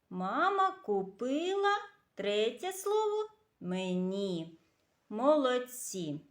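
A woman teaching a literacy lesson to young children, asking questions, praising answers and slowly drawing out sounds and syllables. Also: medium pitch, a little mellow. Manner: slow, clearly drawn-out sounds and syllables, asks questions and praises. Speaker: kindergarten teacher.

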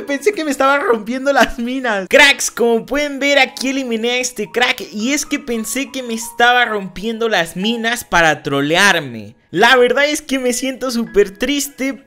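Young dude hyping up a shooter minigame, super high bright voice, music going under him. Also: male voice. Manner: energetic, shouts and laughs at the action, calls viewers "cracks". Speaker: gaming youtuber hosting a minigame. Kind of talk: excited gameplay commentary.

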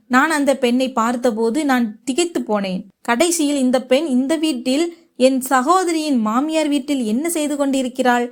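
A woman narrating a first-person family story in a steady read-aloud manner. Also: high voice.

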